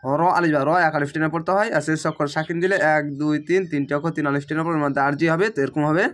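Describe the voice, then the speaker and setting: A man teaching Quran reading, chanting each Arabic word slowly and stretched out, then explaining the rules quickly in plain speech. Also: fairly high pitch, steady tone, fairly bright tone. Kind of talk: slow spelled-out recitation lesson.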